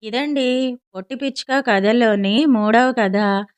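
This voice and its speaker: A woman storyteller reading a children's tale in steady, measured audiobook narration on a close mic. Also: on the high side, clear, resonant tone, dry recording.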